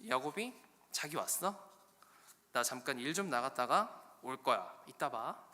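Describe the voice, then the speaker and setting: A man's voice: medium pitch, expressive, measured pace, sharp tone. A man voicing a pampered young wife who whines and complains petulantly. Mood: cooing. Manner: whiny, petulant, cooing. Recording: long echo of a church hall.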